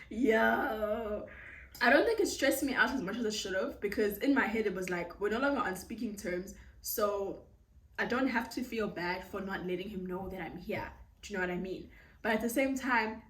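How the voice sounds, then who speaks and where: A young South African woman with a South African accent, telling a casual storytime vlog, animated and code-switching as she acts out the dialogue. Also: medium pitch. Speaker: YouTuber. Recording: roomy, slightly distant mic.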